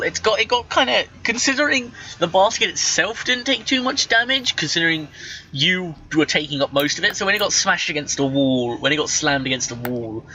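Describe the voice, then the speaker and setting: A man narrating as game master over a voice call, patient and halting as he describes the scene. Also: on the high side, pushed and bright, muffled recording, a little hiss or hum.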